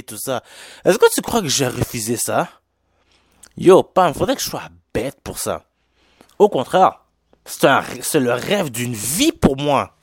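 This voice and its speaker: A young Québécois podcast host with a slight Haitian lilt rambles through a solo monologue, full of fillers, restarts and English slang. His pitch swings up and down with plenty of life, but he takes his time with the words. The recording is close and dry, with no room sound. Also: dry recording. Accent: Québécois French with a slight Haitian touch. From Quebec.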